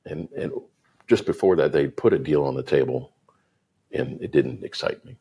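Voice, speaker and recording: Very deep, gravelly man telling stories. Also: moderate pace. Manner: animated, voices the people in his stories. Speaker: guest entrepreneur. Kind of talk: casual storytelling.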